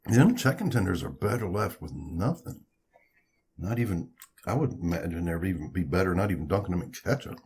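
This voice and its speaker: Man, middle-aged, Southern US accent, low-pitched, raspy, folksy casual chat, eating fried chicken as he talks. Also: expressive, fairly quick, a little mellow. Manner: folksy, colloquial. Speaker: father co-hosting a family mukbang vlog. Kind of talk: casual chat over a meal.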